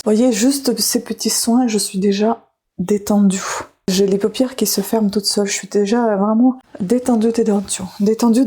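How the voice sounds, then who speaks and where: A woman's voice: mid-range voice, slightly rough. A middle-aged woman chatting casually to the camera while she does her evening skincare in a bathroom at home. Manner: relaxed, chatty, talks while doing skincare. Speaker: beauty vlogger. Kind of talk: casual vlog chat.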